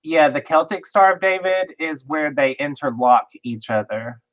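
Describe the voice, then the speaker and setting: Brisk auctioneer calling bids, muffled. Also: mid-range voice, animated. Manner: brisk, runs through bids quickly.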